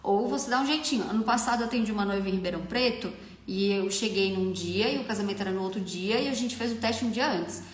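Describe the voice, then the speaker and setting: A young Brazilian woman, a makeup artist, hosts a live stream in a mid-range voice with a Brazilian Portuguese accent, talking fast with hardly any pauses. She gives frank, chatty advice and keeps asking "entendeu?". The room sounds echoey.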